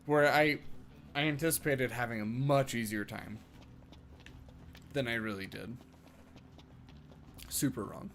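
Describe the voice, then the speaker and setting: A man's voice: medium pitch, unhurried, long pauses, fairly bright tone. A man giving casual late-night commentary while playing a video game, rambling and often restarting his sentences. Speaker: game streamer.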